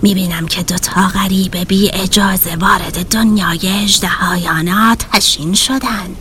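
A woman voicing a haughty, threatening fire dragon in a children's audio story, with a low, whispery hiss. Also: steady tone, fairly bright tone, soft background music, natural voice. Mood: menacing.

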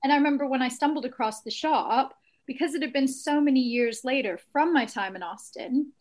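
A woman's voice: sits high, fairly quick, a little mellow. A woman in her thirties from Texas with a blended Texan and British accent, a guest chatting reflectively over a video call with lots of "like" and "you know.". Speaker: guest, cactus shop owner. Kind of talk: casual interview chat.

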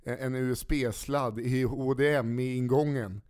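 A man's voice: medium pitch, fairly even intonation, a little mellow. A man chatting casually as a co-host, joking crudely and spinning absurd little stories. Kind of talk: casual chat.

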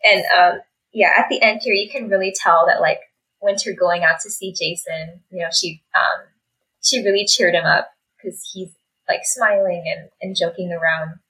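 A woman's voice: lowish voice, steady tone, normal speed, sharp tone, poor audio. A young woman co-hosting a casual book discussion, chatty, full of "like" and "um". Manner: chatty, many fillers and likes. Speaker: podcast co-host.

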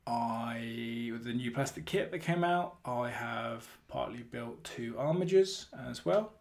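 Man hosting from a flat's hallway. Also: mid-range voice, a little slow, creaky. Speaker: podcast host. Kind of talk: casual hobby chat. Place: hallway of a flat.

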